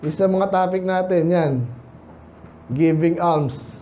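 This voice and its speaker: Preaching in a conversational style, this pastor from the Philippines asks lots of rhetorical questions and reads Bible passages slowly in English. He has a high-pitched, dark-toned male voice with a steady delivery, captured in lo-fi sound with a little hiss or hum.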